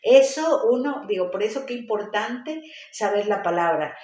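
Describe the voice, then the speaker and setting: A woman's voice: medium pitch, animated, normal speed, mellow. A woman giving a personal testimony in a casual interview, telling it with animation and acting out the voices she quotes. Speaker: interview guest. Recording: roomy echo.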